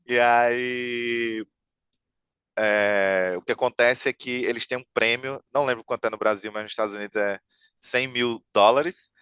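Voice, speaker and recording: A man rambles through a story in a relaxed podcast chat, piling on fillers and restarts. His voice is smooth and resonant. The sound is dry and a little muffled. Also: medium pitch, measured pace, no room sound. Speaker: podcast guest. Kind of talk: casual chat.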